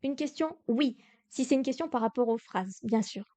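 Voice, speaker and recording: High-voiced woman teaching Korean. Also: expressive, moderate pace, warm tone, dry recording. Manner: patient, explains step by step. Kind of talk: livestream lesson.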